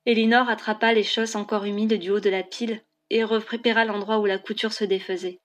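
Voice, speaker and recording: Reading a novel aloud for an audiobook, a woman tells the story in a clear, even manner. Her voice sits in the mid-range, and she reads a little fast.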